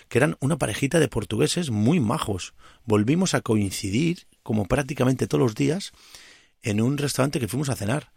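A man's voice: mid-range voice, creaky, darkish tone, slightly rough, no room sound, clean studio sound. A man from Tarragona, a podcast host, casually recounting a pilgrimage stage with many restarts and self-corrections. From Tarragona, Spain. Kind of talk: casual travel storytelling.

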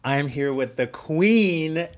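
A woman's voice: low voice, lively intonation, slow pace, over music. A woman hosting a talk show, introducing and interviewing her guest in a playful, gushing way. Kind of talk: casual interview chat.

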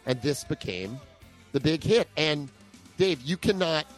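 Podcast co-host: man, casual trivia storyteller, animated delivery. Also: on the high side, unhurried, soft background music. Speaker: co-host of a music countdown podcast. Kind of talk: casual chat.

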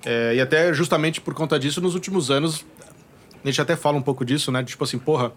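Relaxed slangy man, faint room noise. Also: fairly high pitch, fast. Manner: relaxed, slangy, long rambling questions. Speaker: podcast host. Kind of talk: casual podcast chat.

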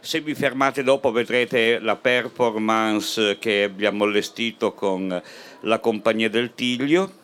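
A woman in her sixties, a stage actress and director, reciting a comic poem aloud to a live audience with a measured, theatrical delivery. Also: extremely low pitch. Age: 60s. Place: event hall before a live audience.

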